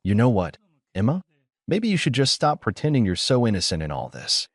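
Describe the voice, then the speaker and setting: A man's voice: mid-range voice, wildly swooping pitch, fairly quick, no echo, studio quality. A man doing a sarcastic, spiteful young woman. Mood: sarcastic, mocking. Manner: mocking, dripping sarcasm.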